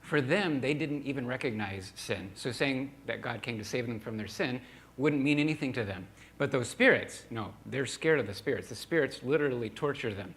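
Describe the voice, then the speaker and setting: A man's voice: medium pitch, lively intonation, a bit bright. Earnest male preacher telling a story. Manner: earnest, halting with repeated words. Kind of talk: sermon storytelling.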